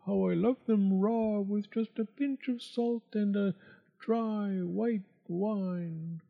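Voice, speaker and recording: High, whimpering storybook fox. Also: male voice, steady tone, vocal fry, narrow, tinny audio, full character voice. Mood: dreamy, greedy. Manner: whimpering, drawn-out pleading. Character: wily fox patient, wailing, pleading, sly and hungry.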